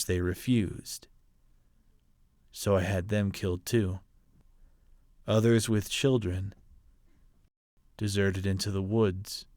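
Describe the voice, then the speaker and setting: A man playing a hardened, ruthless military officer, a colonel delivering a grave, deliberate dramatic film monologue. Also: lowish voice, darkish tone, dry recording, clean studio sound. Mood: cold, hardened. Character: hardened, ruthless military colonel justifying his brutal mission.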